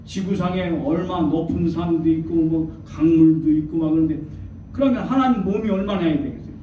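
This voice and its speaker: A man's voice: a little high, a little fast, slight background noise. A man, a church elder, preaching a sermon, asking rhetorical questions and acting out quoted voices. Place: church hall. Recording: echoey hall from far off, dull.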